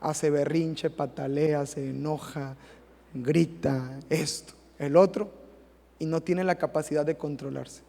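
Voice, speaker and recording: A man's voice: a little high, steady tone, slow, gravelly, dark tone. A man preaching a sermon as pastor, emphatic and often repeating "amen" and "right?". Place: church hall. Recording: long reverb of a church hall.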